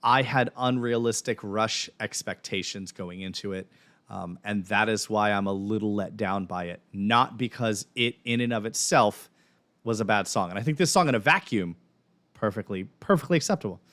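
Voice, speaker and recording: A man's voice: on the low side, moderate pace, fairly bright tone. A man in his thirties, co-hosting a music reaction show, talking thoughtfully and rambling with ums and laughs. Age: 30s. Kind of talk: casual chat.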